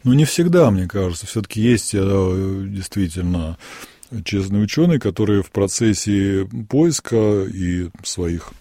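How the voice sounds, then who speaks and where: A man talks as a priest in a radio discussion. His voice is deep, dark and gravelly, with a husky edge. His delivery is measured and reflective, and he pauses often to think. The studio sound is close and dry. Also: animated, no echo. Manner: measured, thoughtful, many pauses and fillers. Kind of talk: radio discussion of church writings.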